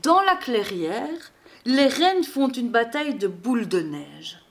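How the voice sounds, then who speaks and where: A woman reading a children's Christmas storybook aloud in an expressive, measured way. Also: on the high side, slight background noise.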